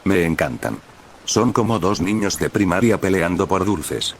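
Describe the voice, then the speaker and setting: Giddy teenage girl villain, excited and gushing; a man reads her in a low voice. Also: a little slow, slight background noise.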